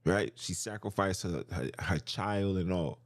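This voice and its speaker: A man hosting a podcast speaks straight to his listeners in an impassioned, preachy monologue, often repeating himself for emphasis. His voice sits low and moves a little slowly, with no room sound.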